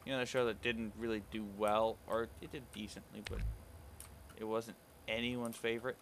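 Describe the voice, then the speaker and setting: A man's voice: lowish voice, level tone, normal speed, slight background noise. A man streaming a building game, rambling and correcting himself as he thinks aloud. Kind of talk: casual gameplay commentary.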